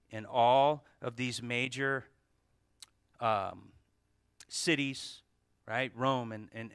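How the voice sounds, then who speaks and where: A man's voice: mid-range voice, a bit bright, clear, resonant tone, dry recording, clean studio sound. A man preaching a sermon at a pulpit microphone. He stresses key words, repeats them, and puts rhetorical questions to the congregation. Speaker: pastor.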